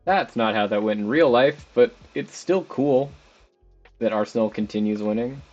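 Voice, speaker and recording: A young man streams a football management game, chatting casually and rambling as he addresses the players on screen. His mid-range voice has a darkish tone and a moderate pace, and the stream audio sounds slightly dull with background music.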